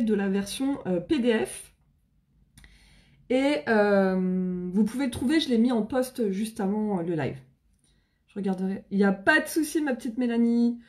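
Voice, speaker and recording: French woman, live makeup sales chat, chatty and bubbly, slightly high, mellow tone. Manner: bubbly and chatty, greets viewers by name, casual slang. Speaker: independent makeup seller.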